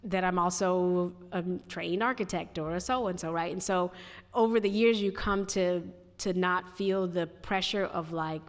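A visiting artist and architect from the United States, a woman with a Chicago accent and a fairly low voice, responds to questions at a podium in a large auditorium. The podium microphone picks up the hall's reverb. She reflects as she goes, correcting herself, restarting frequently and using "like" often.

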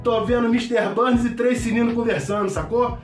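A brash, loud middle-aged mechanic from a comedy sketch, played by a man, who shouts almost every phrase in a very high, strained voice, full of swearing and slang. Carioca accent, rambling speech. Recorded in an echoey room with the mic at a distance and faint music behind. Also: fairly even intonation, normal speed. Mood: boisterous.

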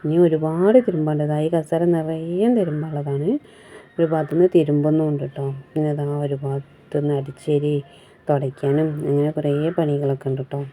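A low-pitched woman with a very dark, mellow tone. She rambles chattily through a casual home vlog and keeps adding little tag words. She has a cold that is changing her voice. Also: flat delivery, a little fast. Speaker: home vlogger and mother.

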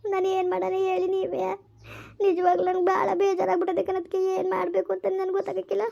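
A woman's voice: extremely high pitch, monotone, brisk, creaky, dark tone, exaggerated voice. A woman acting an upset young village girl who complains tearfully in rustic speech. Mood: hurt. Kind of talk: village comedy skit acting. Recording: dull lo-fi recording.

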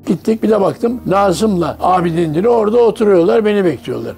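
Gravelly high-voiced man in his nineties. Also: animated, a little fast, darkish tone, soft background music. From Turkey. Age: 90s. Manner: anecdotal storyteller who acts out quoted dialogue. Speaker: interviewee recalling his life. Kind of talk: documentary interview, reminiscing.

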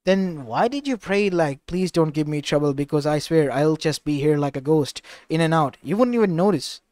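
A man's voice: a little high, animated, moderate pace, a little mellow, dry recording, clean studio sound, close to an everyday voice. A man voicing a curious, teasing queen of the underworld. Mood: mocking.

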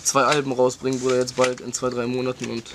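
A man's voice: mid-range voice, completely flat delivery, fast talker. A man in his twenties with an Arabic accent in German, chatting casually in street slang mixed with Arabic words. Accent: Arabic-influenced German. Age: 20s. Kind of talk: casual slang chat among friends. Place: outdoors in a garden at night. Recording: on-camera sound with background noise.

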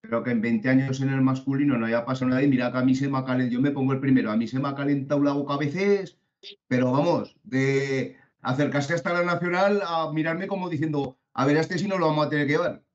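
A man on a sports panel recounting fan experiences in an animated, self-deprecating way. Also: mid-range voice, fast talker. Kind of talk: casual sports talk show. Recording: dull lo-fi video call audio.

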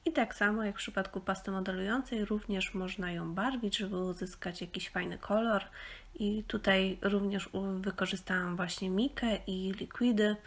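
A young woman from Poland explaining craft materials in a casual tutorial voice-over, often pausing on small fillers as she goes. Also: mid-range voice, fairly even intonation.

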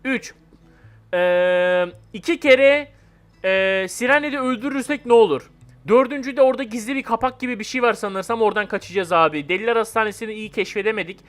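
Excitable high bright young gamer man. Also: brisk, soft background music. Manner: excitable, chatty, talks to viewers as "abi" and "arkadaşlar". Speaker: gaming YouTuber. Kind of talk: Roblox let's-play commentary.

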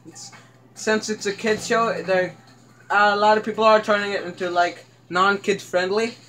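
A young man chatting and laughing excitedly while playing a video game with a friend. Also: sits high, moderate pace. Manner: giggly, excitable, squeals on surprises. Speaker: gamer. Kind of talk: casual gameplay chat.

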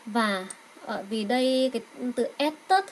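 A woman's voice: on the high side, slight background noise. Patient woman teaching Russian. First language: Vietnamese. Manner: patient, repeats words slowly for learners to echo. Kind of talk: online language lesson.

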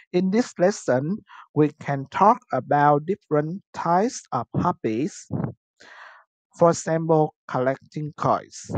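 A man with a Vietnamese accent teaching an English lesson, switching between languages and slowly repeating words for students to echo. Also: medium pitch. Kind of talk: bilingual online lesson, drilling vocabulary.

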